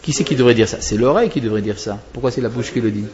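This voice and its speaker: A man's voice: medium pitch, rapid-fire, a little mellow, muffled recording. A male religious teacher explaining prayer to students, wandering off topic and answering his own questions.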